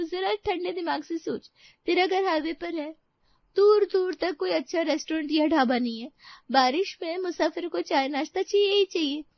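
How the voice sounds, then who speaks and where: A woman's voice: very high-pitched, no room sound, voice pushed up. Woman doing a bossy, teasing girlfriend. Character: brash, clever young female friend. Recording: dry, slightly dull sound.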